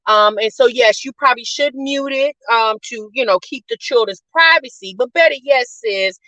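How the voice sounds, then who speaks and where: A woman's voice: on the high side, moderate pace, pushed and bright, no echo. A middle-aged woman hosting a casual commentary channel, talking in a chatty, sassy way and calling her listeners y'all, sis and honey. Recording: dull, lo-fi dry recording.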